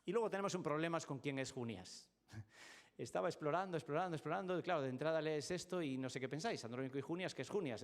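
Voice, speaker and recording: A man with a Spain Spanish accent preaching in a church, explaining a scripture text with frequent rhetorical questions. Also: fairly high pitch. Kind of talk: expository sermon.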